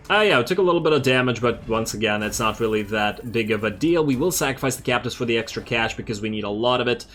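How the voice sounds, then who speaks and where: A man's voice: medium pitch, a bit bright, slight background noise. A man giving casual, laid-back strategy game commentary, thinking aloud as he plays. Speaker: gamer, host of a let's play series. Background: game music.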